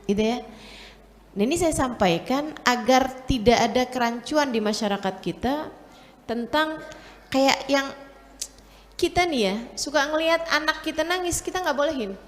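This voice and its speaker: A woman's voice: high-pitched, moderate pace, long pauses, in a large hall. A woman preacher giving a conversational sermon, repeating words for emphasis and speaking to her listeners as friends. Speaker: Islamic preacher.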